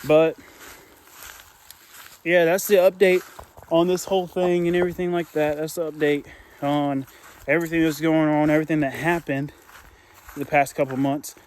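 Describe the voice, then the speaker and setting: A man's voice: on the high side, level tone, normal speed, pauses often, darkish tone, a little hiss or hum. A young man, rambling casually as he walks around outdoor hunting land, often trailing off with "and everything like that". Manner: talks while walking outdoors. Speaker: hunting vlogger.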